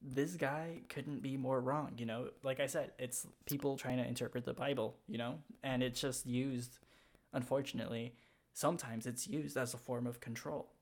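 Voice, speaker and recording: A young man talking in a casual chat, rambling and halting with many fillers. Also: mid-range voice, flat delivery.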